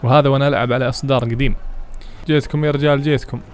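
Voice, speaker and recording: A man gives let's play commentary at a rapid clip, in a voice of ordinary middle pitch. He chats excitedly with his viewers and reads game text aloud. Faint music plays underneath. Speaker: gaming channel host.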